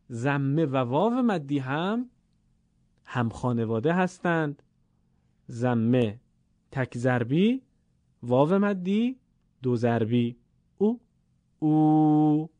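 A man's voice: a little high, a little mellow, dry recording. Patient Persian-accented male recitation teacher. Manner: patient, repeats sounds slowly and deliberately. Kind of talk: classroom-style lesson with drawn-out vowel demonstrations.

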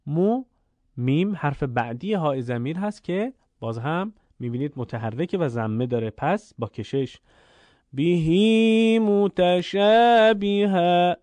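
A man teaching Quran recitation, explaining rules clearly and then chanting the examples slowly and drawn out. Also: mid-range voice, lively intonation, darkish tone, dry recording. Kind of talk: recorded recitation lesson.

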